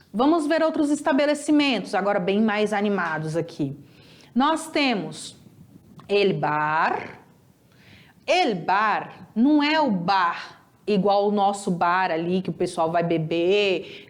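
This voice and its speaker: Slow, careful Brazilian woman teacher. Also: mid-range voice. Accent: Brazilian Portuguese. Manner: lively, drawn-out teacherly pronunciation drills. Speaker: Spanish teacher. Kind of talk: recorded classroom lesson.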